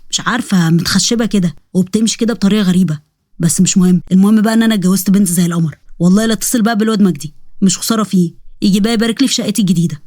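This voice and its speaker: A cocky young Egyptian man rambles and jokes at high speed, as a woman narrator voices him. He has a strong Egyptian Arabic accent and a chatty, bragging manner. The recording is dry and close. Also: a little mellow, dry recording, close to an everyday voice. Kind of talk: storybook narration with character voices.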